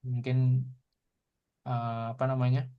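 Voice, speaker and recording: A man teaching a language class, explaining vocabulary in a relaxed way and repeating tag phrases often. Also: medium pitch, slow pace, smooth, dull audio.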